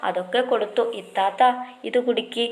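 A cheeky teenage girl teases her older sister in a lively way. A woman reads her lines. Told as a spoken storybook. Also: a little high, a little fast, lightly acted. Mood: teasing. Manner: teasing, lively. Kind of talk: storytelling read-aloud.

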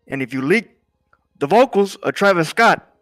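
A man's voice: medium pitch, moderate pace, a bit bright, dry recording, clean studio sound, natural voice. A man playing an intense, menacing, aggrieved music boss in an improvised crime game role-play, brooding and repeating himself for effect. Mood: stern.

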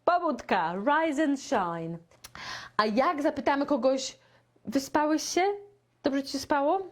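Slow, high-voiced woman teaching phrases. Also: animated. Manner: repeats phrases slowly and clearly for learners. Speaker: English teacher. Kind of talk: slow beginner language lesson.

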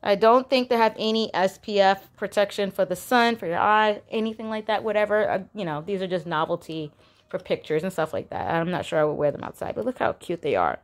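A woman's voice: mid-range voice, animated, fairly quick. Chatty woman gushing over a shopping haul. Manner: chatty and gushing, frequent giggles. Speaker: vlogger. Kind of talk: casual shopping haul chat. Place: home, indoors.

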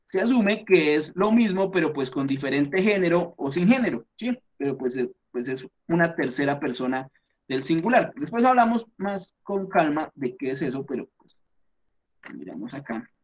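Male teacher, Colombian accent, higher voice, patient explainer who keeps checking in. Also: expressive, moderate pace, muffled recording. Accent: Colombian Spanish. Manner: patient step-by-step explaining, frequent fillers and check-ins. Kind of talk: explaining a class lesson.

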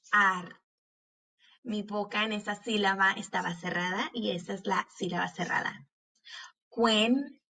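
A woman teacher giving a slow, clear reading lesson, sounding out syllables and spelling words letter by letter. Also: medium pitch, fairly bright tone, slight background noise.

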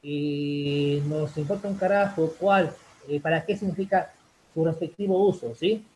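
A fairly high-voiced young man runs a loose, chatty live English class, peppering his talk with "chicos" and "bien". A faint hiss sits under the recording. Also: a little slow, darkish tone, low-quality recording. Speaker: English teacher.

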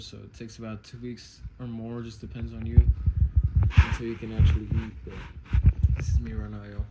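A young man chatting casually in a vlog, slangy and laid-back, talking with a swollen, sore mouth after having his wisdom teeth out, on a noisy home recording. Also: lowish voice. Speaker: vlogger. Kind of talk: casual chat to camera.

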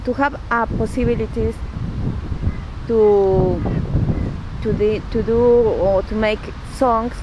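A woman from Bolivia with a Bolivian Spanish accent, speaking slowly and searching for words in English outdoors. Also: mid-range voice, lo-fi sound. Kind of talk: casual interview. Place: outdoors in a park. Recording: outdoor traffic noise.

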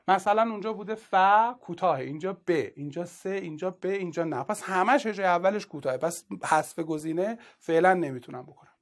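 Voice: mid-range voice, vocal fry. Teacher explaining step by step. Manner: explains step by step, asking rhetorical questions; casual, colloquial teaching talk. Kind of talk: exam-prep literature lesson.

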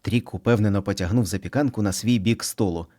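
A man narrating a children's storybook in an expressive, playful reading. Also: lowish voice, a little fast.

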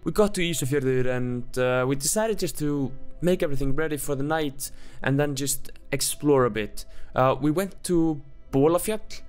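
A man's voice: a little high, moderate pace, hardly any pauses, darkish tone, clean tone, soft background music. A man casually narrating his road trip as a voice-over, in a loose, easygoing way with fillers. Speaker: travel vlogger.

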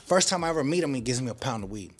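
A man's voice: medium pitch, animated, very fast. A man, hosting a podcast and telling a long story in casual, slangy chat, swearing freely and acting out the voices of the people in it. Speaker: podcast host.

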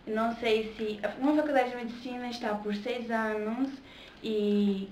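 Speaking unhurriedly with fairly even intonation, a young woman vlogger from Salvador, Brazil chats at home in Bahian-accented Portuguese, frequently adding "sabe?". Her voice is on the high side and a little mellow. The room echoes, with faint ambience and a little hiss or hum.

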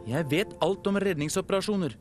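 A man's voice: sits high, voice pushed up, lightly acted. A man doing a small, eager boy tugboat. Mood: eager, impatient. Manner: impatient, bursting with excitement. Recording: music playing behind.

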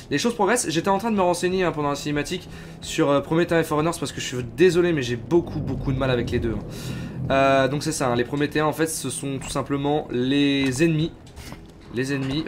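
Streamer, male, fairly high voice, animated, reacts out loud, noisy audio. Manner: chatty, reacts loudly. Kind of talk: live gameplay commentary.

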